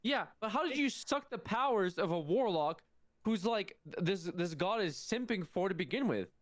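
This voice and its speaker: Male tabletop player, lively and fairly high voice, slangy, profane, incredulous banter. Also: moderate pace, dry recording. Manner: exasperated, incredulous slangy complaining. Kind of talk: casual, sweary banter during an online game.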